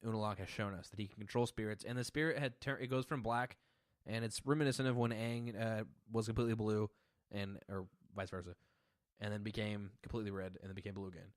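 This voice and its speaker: A man's voice: fairly low pitch, fairly even intonation, fast talker, no room sound, clean studio sound. A man co-hosting a podcast, chatting casually about an episode with joking, teasing banter. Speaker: podcast co-host.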